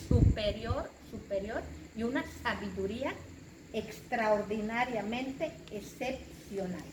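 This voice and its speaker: A woman preacher, giving an emphatic sermon and repeating phrases for stress. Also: a little high. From Mexico. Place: church hall. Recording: echoey church room with background noise.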